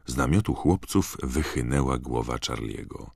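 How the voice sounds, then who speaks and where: Super deep gravelly guy reading a storybook, dry close sound. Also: expressive, normal speed, no room sound. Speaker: audiobook narrator. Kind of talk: scripted narration.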